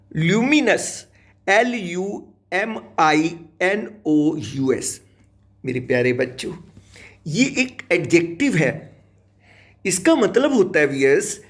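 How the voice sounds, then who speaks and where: A man leads a slow English lesson in a fairly high voice. He spells each word out letter by letter and speaks warmly to his students as "dear children.". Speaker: English teacher.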